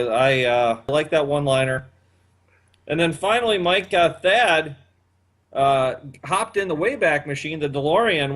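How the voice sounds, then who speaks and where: A man's voice: a little high, a bit bright. A man in his fifties hosting a casual chat, rambling with many fillers. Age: 50s. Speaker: podcast host.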